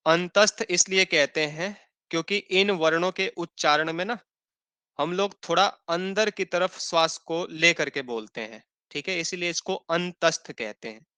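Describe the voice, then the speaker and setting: A man's voice: on the high side, pushed and bright, smooth, dry recording. A man teaching an online language class, patiently repeating definitions for students to note down and checking in often. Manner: patient, repeats points slowly for note-taking; checks in with "thik hai" and "hai na". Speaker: Sanskrit teacher.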